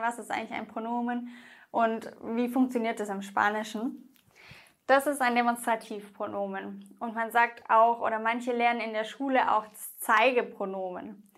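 A woman teaching Spanish grammar, explaining slowly and carefully and speaking directly to the viewer. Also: a little high, fairly bright tone. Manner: slow, careful explanations with drawn-out example words.

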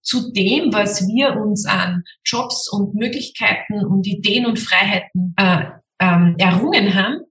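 A woman's voice: mid-range voice, unhurried, a bit bright. A woman, a mother talking as a guest in a casual conversation, reflective and thinking aloud with frequent restarts. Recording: roomy, distant from mic.

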